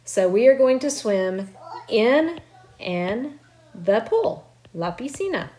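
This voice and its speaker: A woman's voice: on the high side, big pitch swings, takes it slowly, music in the background. A woman teaching a recorded remote grammar lesson from her home. She explains patiently, step by step, and encourages her students. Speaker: Spanish teacher. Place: at home with children nearby.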